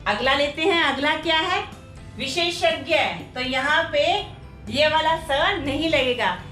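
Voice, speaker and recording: Slow, high-voiced Hindi teacher woman. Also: sharp tone. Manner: slow, careful, repeats each word for students. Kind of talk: explaining a grammar exercise. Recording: echoey room with faint music.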